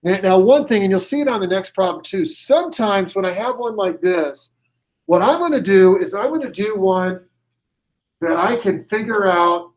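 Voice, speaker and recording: A man teaching a high school chemistry class, casual and chatty, often correcting himself as he works a problem. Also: expressive, moderate pace, poor audio. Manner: chatty, joke-telling, self-correcting. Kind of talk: classroom lecture.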